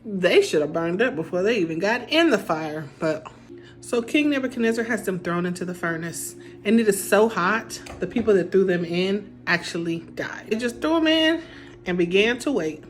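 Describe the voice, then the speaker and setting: A woman's voice: medium pitch, moderate pace. A young woman casually retelling a Bible story in chatty, colloquial speech while doing her makeup. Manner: chatty, colloquial, animated emphasis.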